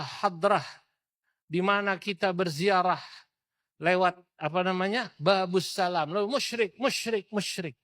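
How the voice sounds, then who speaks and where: A middle-aged male preacher tells his sermon as a lively story. He acts out the characters' cries in a high, bright, forceful voice. The recording is close and dry. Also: dry recording.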